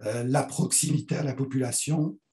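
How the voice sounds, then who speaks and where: A man with a hoarse, croaky voice gives an academic talk as a professor, hesitantly, often clearing his throat. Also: medium pitch, steady tone, normal speed, dark tone. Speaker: university professor and guest speaker. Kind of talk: academic talk, thinking aloud. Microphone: video call.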